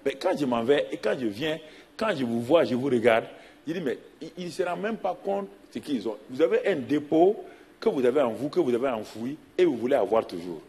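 A middle-aged man preaching a sermon as pastor, animated, repeating himself and asking rhetorical questions. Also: medium pitch, fairly quick.

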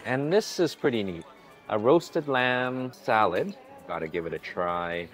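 Guy in his 40s vlogging a buffet, lowish voice, upbeat and chatty, faint music under it. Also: animated, unhurried. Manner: upbeat, chatty, often greets staff warmly. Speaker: food vlogger. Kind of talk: casual vlog narration. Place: hotel buffet restaurant, indoors.

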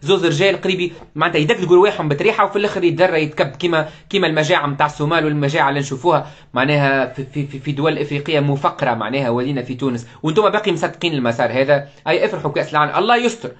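A man's voice: fairly high pitch, very fast, hardly any pauses, a bit bright. A man with a Tunisian Arabic accent giving an impassioned live political commentary, firing off rhetorical questions and mixing in French words.

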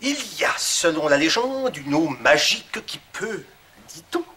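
An actor playing an eccentric, self-important inventor professor, declaiming theatrically in a children's TV comedy. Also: male voice, on the high side, big pitch swings, measured pace, noisy background. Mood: determined.

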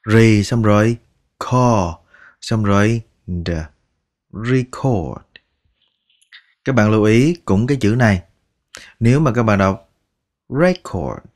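Male language teacher, low-pitched, unhurried pronunciation drills, patient and coaxing. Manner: repeats each word slowly, drawing out sounds; patient, coaxing, ends phrases with soft particles. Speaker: English teacher. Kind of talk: slow pronunciation lesson.

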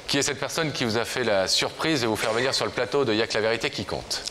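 A man's voice: mid-range voice, fast talker, sharp tone. A man presenting as a television host, addressing guests in a studio. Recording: noisy studio, audience behind.

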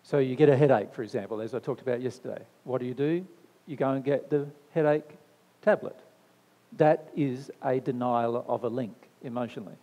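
Here a man's mellow, mid-range voice moves fairly quickly as he answers a live audience's questions in a conversational spiritual talk. He keeps checking in with "right?" and repeats phrases to stress them. It was recorded indoors at a discussion venue, with long hall reverb.

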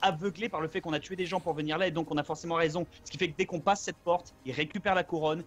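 Fast, high-voiced, blunt gamer. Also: male voice, fairly even intonation. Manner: blunt, profane. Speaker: tabletop game player. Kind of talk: casual banter and argument.

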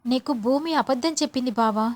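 A woman's voice: high-pitched, brisk, close to an everyday voice. Sly scheming mother, as a woman reads her. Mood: insistent. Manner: coaxing, insistent. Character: scheming middle-aged mother, sly and urgent.

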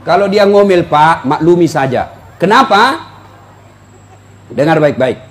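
A man preaching a lively, joking sermon, often mimicking other people's voices. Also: a little high, unhurried. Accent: Indonesian. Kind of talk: lively sermon to a police audience.

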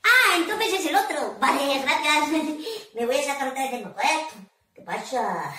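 High lively storyteller lady, slow and playful, sounds far off in an echoey room. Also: slight background noise. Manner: playful and animated, laughs often, coaxes the audience. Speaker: children's storyteller. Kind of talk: interactive storytelling for children. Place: library room.

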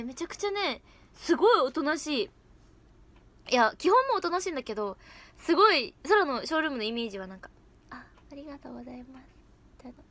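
Giggly high-voiced young woman chatting. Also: a bit bright. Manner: giggly, chatty, reacts to comments. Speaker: idol livestream host. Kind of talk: casual livestream chat reading comments.

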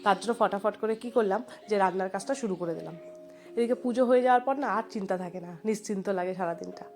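Congested and nasal from a cold, a home vlogger narrates a rambling, homely voice-over straight to her viewers. Her medium-pitched voice is a little mellow and races along over soft background music.

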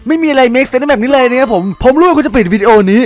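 A young man giving casual, excitable commentary on a game, with loud outbursts and crude jokes. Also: extremely high pitch, very fast. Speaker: gaming YouTuber.

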